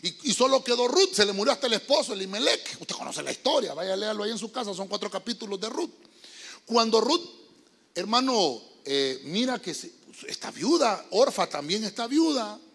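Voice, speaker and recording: A man's voice: high-pitched, sing-song, normal speed, vocal fry, a bit bright, slightly rough. A man preaching a youth sermon as pastor, emphatic and calling his listeners brother while quizzing them. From Honduras. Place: church sanctuary. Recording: long reverb of a church hall.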